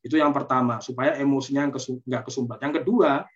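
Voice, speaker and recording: A man's voice: medium pitch, fairly even intonation, fast talker, lo-fi sound. A man giving a webinar talk on parenting, explaining patiently and often checking in with short tags like "you see". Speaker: parenting speaker. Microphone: video call.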